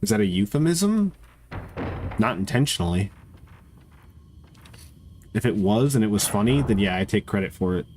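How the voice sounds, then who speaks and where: A man's voice: fairly low pitch, animated, moderate pace, pauses often, a little mellow, slight background noise. Congested man cracking crude jokes. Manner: profane, joking banter. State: congested nose. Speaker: streamer. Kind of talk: casual gameplay commentary.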